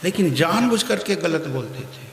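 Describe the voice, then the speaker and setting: Slow, high-voiced male storyteller in echoey hall. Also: expressive, slight background noise. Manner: measured, emphatic storytelling. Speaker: kathavachak, religious storyteller. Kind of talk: devotional scripture storytelling. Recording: echoey hall with faint music.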